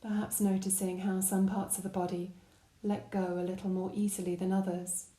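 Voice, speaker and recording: A woman guides a body scan meditation in a dark, mellow, mid-range voice, giving gentle, calm and unhurried instructions. The recording sounds roomy, with audible reflections around her.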